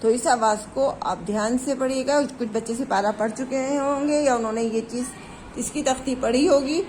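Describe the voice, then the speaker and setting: A woman teaching an online reading lesson to children, drawing out each letter sound slowly for them to repeat and mixing in English words. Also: high-pitched, fairly even intonation, a little mellow, a little hiss or hum, low-quality recording. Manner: slow, drawn-out letter recitation for repeating along.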